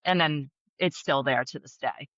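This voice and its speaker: Bright-voiced chatty woman teacher. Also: a bass voice, moderate pace, no room sound. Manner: chatty, many fillers and restarts, bursts of excitement. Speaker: special education teacher, guest. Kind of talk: casual interview conversation. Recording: dull, muffled sound.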